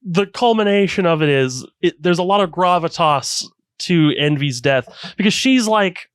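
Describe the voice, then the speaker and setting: A man co-hosting a casual anime podcast, retelling scenes with animated enthusiasm. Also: sits high, normal speed, smooth, no room sound. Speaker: podcast co-host.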